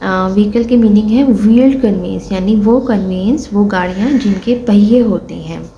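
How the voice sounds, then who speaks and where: A woman teacher walking through a textbook lesson, explaining in Hindi-Urdu and reading the English sentences out slowly, with faint background noise. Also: medium pitch, mellow, low-quality recording. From Pakistan.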